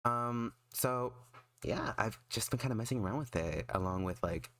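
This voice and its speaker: A man chatting casually on a livestream in an excitable, emphatic, self-deprecating way. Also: mid-range voice, normal speed. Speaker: streamer and artist.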